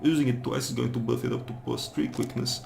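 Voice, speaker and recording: A man's voice: mid-range voice, fairly even intonation, quick pace, gravelly, darkish tone, a little hiss or hum. A man casually commenting as he plays a game, thinking aloud about his choices. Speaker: let's play host. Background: game music.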